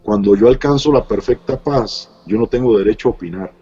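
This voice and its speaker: A middle-aged pastor gives his testimony in a low, mellow voice, earnest and reflective and often pausing on a hesitant filler. The recording sounds dull and lo-fi, with faint music underneath. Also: husky. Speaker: pastor, interview guest. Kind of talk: personal testimony in an interview. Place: Costa Rica.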